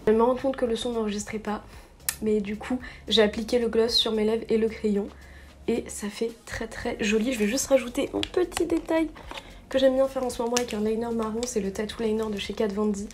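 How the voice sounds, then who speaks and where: A woman's voice: fairly high pitch, fairly even intonation, fairly quick, a little mellow, slight background noise. A young woman narrating her makeup step by step in a casual vlog, chatty and full of little fillers and self-corrections. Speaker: beauty vlogger.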